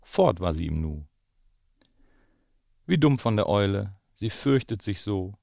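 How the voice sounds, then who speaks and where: A man reading a rhyming children's book aloud, slow and expressive. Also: fairly low pitch, vocal fry, dry recording, studio quality. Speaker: goalkeeping coach reading aloud.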